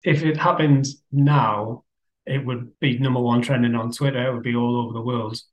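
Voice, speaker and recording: A man with a mid-range voice hosts a documentary podcast. He puts questions to his guests and reads his scripted narration clearly, at a measured, steady pace. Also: mid-range voice, dry recording, highs cut off. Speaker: podcast host and reporter.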